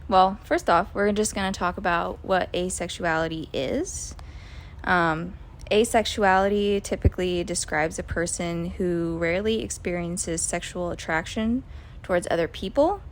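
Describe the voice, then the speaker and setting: A woman in her twenties hosting a college podcast, talking casually with frequent ums as she explains. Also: fairly low pitch. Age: 20s. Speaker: podcast host.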